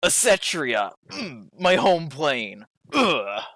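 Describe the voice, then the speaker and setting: A man's voice: on the high side, sing-song, slow, bright, forceful tone, no echo, full character voice. A man voicing a dim, proud, muscle-obsessed dude bro monk in a tabletop role-playing game, enunciating word by word like a gym bro. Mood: proud, flexing. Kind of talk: in-character tabletop role-play.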